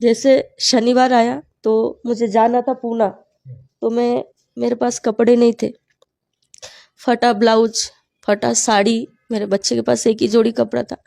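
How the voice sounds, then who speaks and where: Low-toned gravelly woman telling her story. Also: level tone, unhurried, warm tone, no room sound, clean studio sound. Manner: earnest, storytelling with quoted prayers. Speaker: testimony speaker. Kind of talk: personal faith testimony.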